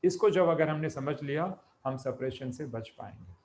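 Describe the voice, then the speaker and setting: A man's voice: fairly high pitch, normal speed, darkish tone, a little hiss or hum. A man as a spiritual teacher giving an explanatory talk, defining each term and then repeating it in plain words, asking questions and answering them himself. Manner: explains step by step, repeats terms with Hindi glosses; asks and answers his own questions.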